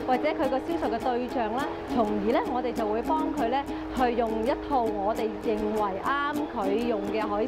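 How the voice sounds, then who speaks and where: A Hong Kong woman in her thirties who speaks quickly, in a lively and animated way. Her voice sits somewhat high. Loud music plays beneath her as she talks about her work at a seafood supplier. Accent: Hong Kong Cantonese. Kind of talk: interview. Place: seafood warehouse.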